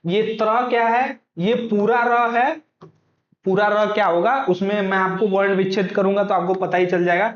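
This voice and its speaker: A man's voice: sits high, steady tone, normal speed. A man teaching for exam prep, who keeps asking his own questions and then answering them. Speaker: Hindi teacher. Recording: echoey room, dull lo-fi sound.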